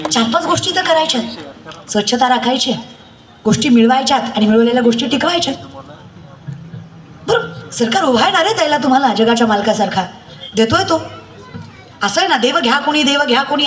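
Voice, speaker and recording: Woman preacher, high voice, exhorting and scolding, heard from a distance in an echoey space. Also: slight background noise. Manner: storytelling, scolding the audience, rising into high exhortation. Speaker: kirtan preacher. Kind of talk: devotional kirtan sermon. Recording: echoey, distant mic with faint ambience.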